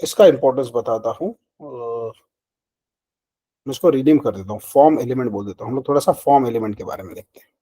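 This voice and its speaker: A programming instructor teaches web development in a screen-recorded coding lesson, mixing Hindi and English and asking questions he then answers himself. He's conversational, checking in often with fillers like "ठीक है" and "ना". His mid-range voice is expressive, fast, dark and slightly rough, on a rough recording.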